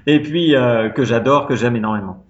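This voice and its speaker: A man from France tells a long childhood story as an interview guest, rambling warmly with plenty of fillers and restarts. His pitch sits in an ordinary middle range. The recording sounds a little dull and lo-fi. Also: moderate pace. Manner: chatty, animated anecdotes with many fillers. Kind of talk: casual storytelling.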